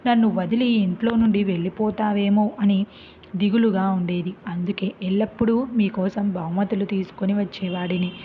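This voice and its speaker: A woman voicing a gentle young husband earnestly confessing in a storybook tale, with a tinny phone-like sound. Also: mid-range voice, fairly even intonation, moderate pace, a little hiss or hum, lightly acted. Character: young husband, gentle, loving, feigning madness.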